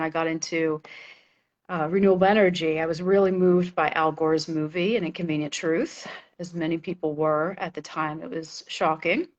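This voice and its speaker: A middle-aged woman from Massachusetts speaks in a fairly low voice, chatting eagerly as a guest in a live interview. She laughs easily and trips over restarts and fillers. The video call audio sounds dull and lo-fi. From Massachusetts, USA. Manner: enthusiastic, laughs often, many fillers and restarts. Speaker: guest, marketing agency owner.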